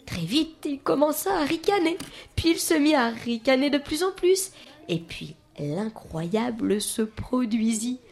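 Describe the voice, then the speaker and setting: A woman reading a children's book aloud in a lively, expressive way, with whispered asides. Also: sits high, unhurried, gravelly. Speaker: storyteller.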